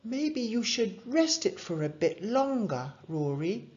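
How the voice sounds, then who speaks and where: A woman voicing a caring mother who gently coaxes her son, read out in a dull lo-fi recording. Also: high-pitched, big pitch swings, a little slow, voice pushed up.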